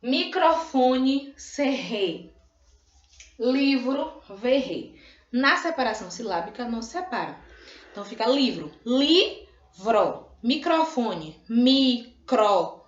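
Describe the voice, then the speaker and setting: Brazilian lady teacher going over syllables, animated up and down voice, echoey room. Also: a little high. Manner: slow, drawn-out modelling of syllables, often says "ó" and "né". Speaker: primary school teacher. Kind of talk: recorded grammar review lesson. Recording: echoey room, dull lo-fi sound.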